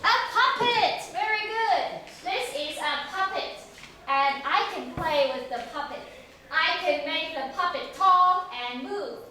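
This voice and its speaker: Her voice extremely high, bright, and forceful, a woman speaks slowly and expressively as she teaches English to a young class. She asks simple questions, repeats words, and offers encouraging praise for answers. The echoey classroom is picked up by a distant microphone, leaving heavy reverb and faint noise.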